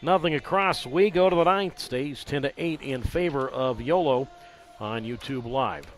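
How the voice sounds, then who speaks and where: A man calling live baseball play-by-play from the ballpark, relaxed and conversational, with dry sarcastic asides. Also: mid-range voice, unhurried, soft background music. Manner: conversational, wry asides, filler "uh" between counts. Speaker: play-by-play announcer.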